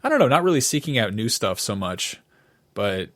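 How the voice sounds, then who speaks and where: A podcast co-host with a lowish voice and big pitch swings reminisces casually about music from the past at normal speed. His chat is informal and profane, with some swearing.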